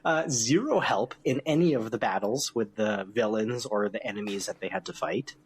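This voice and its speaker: A man's voice: fairly low pitch, normal speed, breathy edge. A man co-hosting a casual podcast chat, steering the topic and chuckling through his sentences. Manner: leads the topic, laughs often mid-sentence. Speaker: podcast co-host.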